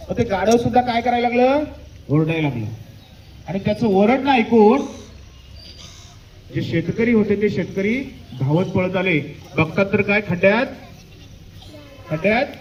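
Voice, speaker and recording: Male children's storyteller with a high voice, who quizzes his young listeners and repeats key words; slightly dull recording. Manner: asks the listeners questions and answers them himself, repeating key words.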